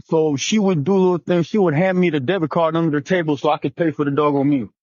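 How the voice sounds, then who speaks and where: A man's voice: fairly high pitch, fairly even intonation, fast, a little mellow, no room sound, dull audio. A man on a relationship panel, talking casually and rambling, often repeating himself. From New Jersey.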